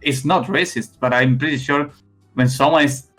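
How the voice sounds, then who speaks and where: A young Spanish man speaks English with a heavy accent, stopping and restarting his sentences as he goes. His pitch sits in an ordinary middle range. Faint music plays quietly in the background. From Spain. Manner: halting, many restarts and fillers. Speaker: esports player guest. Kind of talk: casual interview.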